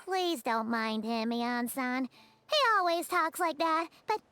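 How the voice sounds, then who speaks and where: A woman's voice: high voice, animated, takes it slowly, bright, forceful tone, clear, resonant tone, dry recording, exaggerated voice. A woman voicing a small, blunt, chirpy floating girl companion in a game, talking casually and teasing. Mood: chatty. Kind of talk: game voice acting.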